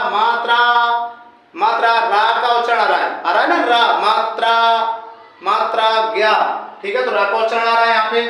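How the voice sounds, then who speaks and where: A man's voice: very high voice, bright, forceful tone. A man teaching a grammar lesson, explaining step by step, repeating words and asking questions as he goes. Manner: fixes his own writing mistakes aloud. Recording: very echoey room.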